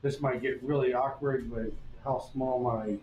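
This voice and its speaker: A man's voice: mid-range voice, fairly even intonation, unhurried, roomy sound, highs cut off, a little hiss or hum. A man teaching blacksmithing on a live stream, explaining each step in a folksy, casual way. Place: forge workshop.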